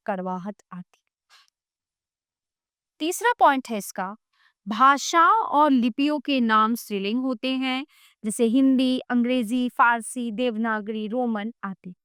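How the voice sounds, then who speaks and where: A woman reading a textbook grammar lesson aloud, slowly listing example words one at a time with clear pauses. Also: a little high, a bit bright, no room sound, studio quality. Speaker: grammar teacher.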